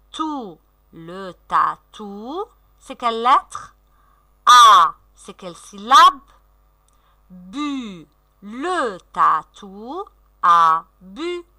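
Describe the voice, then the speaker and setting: A woman teacher gives a recorded reading lesson to young children, sounding out syllables slowly and clearly in a sing-song way. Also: sits high, sharp tone. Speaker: primary school teacher.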